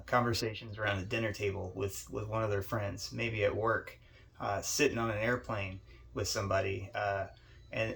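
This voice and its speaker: A man delivers a short sermon as if chatting with a friend, circling back on his words and repeating himself as he goes. His voice sits low with a gravelly edge. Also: fairly bright tone. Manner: conversational storytelling, stammering repeats. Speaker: pastor.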